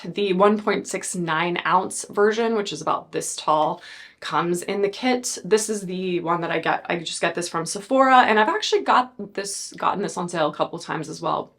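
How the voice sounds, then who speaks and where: A woman's voice: lowish voice, fairly bright tone. A woman in her thirties chatting casually through a beauty product review, rambling with fillers and self-corrections. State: a bit out of breath. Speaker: beauty vlogger.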